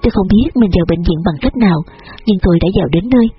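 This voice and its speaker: High-voiced male audiobook narrator. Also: very fast, breathy edge. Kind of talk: scripted first-person story narration. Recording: slightly dull audio with soft guitar music.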